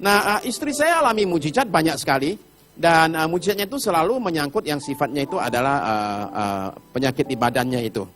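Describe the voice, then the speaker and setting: Middle-aged male preacher, high and expressive, animated storyteller. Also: a little fast. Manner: animated storytelling, acts out Bible characters with shouted pleas. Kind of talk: sermon. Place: church hall.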